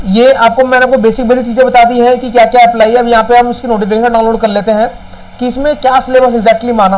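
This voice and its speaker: A man's voice: extremely high pitch, darkish tone, slight background noise, poor audio. A man coaching exam candidates in a casual step-by-step tutorial, often checking in with the viewer. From India. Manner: talks directly to viewers, explains step by step, checks in with "ठीक है?".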